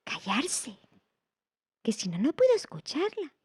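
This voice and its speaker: A woman voicing a sweet little girl in a children's storybook, speaking in a high, gentle, childlike way. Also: huge pitch swings, unhurried, slightly rough, no room sound, studio quality, exaggerated voice.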